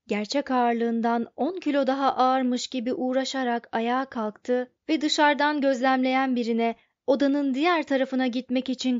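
Woman reading an audiobook, higher voice. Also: darkish tone, no echo. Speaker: audiobook narrator. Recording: dull, dry lo-fi recording.

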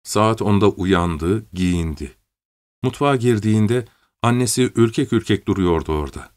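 A man reads a story aloud at a steady, measured pace. His voice sits fairly low, and the recording is dry and close with no room sound. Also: dry recording. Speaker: narrator. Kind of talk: scripted audiobook narration.

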